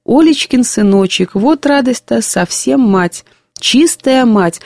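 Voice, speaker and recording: Woman doing a shrill, gushing plump matron. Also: expressive, slow pace, a little mellow, dry recording, studio quality. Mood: tearful gushing. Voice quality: shrill thin voice. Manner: exclamatory, gushing, tearful. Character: plump emotional woman, tearful and fussing.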